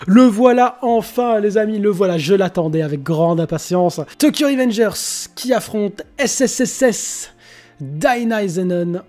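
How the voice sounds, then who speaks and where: A young man hosting a live-streamed anime vote, casual and slangy, with bursts of excitement. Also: high voice, a little slow, soft background music. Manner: excitable, slangy, mixes English exclamations.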